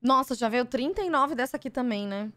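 Excitable young Brazilian woman streamer. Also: a little high, fairly quick, no echo. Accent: Brazilian Portuguese. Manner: gushing, easily excited exclamations. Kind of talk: casual card-opening chat.

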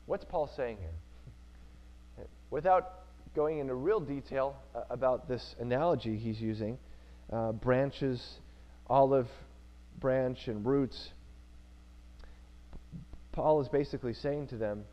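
A man's voice: mid-range voice, slow, pauses often, muffled recording. A male preacher giving an earnest sermon in church, repeating key phrases for emphasis.

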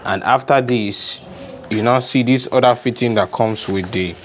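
A young man from the DIY farming channel, speaking with a Nigerian accent, shows a hands-on task step by step without a script in an open-sided poultry house on a concrete floor. His pitch is medium and his speed normal, with background noise and music around him.

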